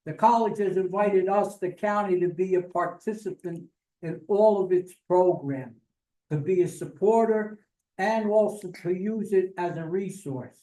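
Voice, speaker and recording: A man with an American accent delivers a vice commander's report, halting now and then with fillers. His voice sits high but mellow in tone. He is picked up from far off in an echoey meeting hall.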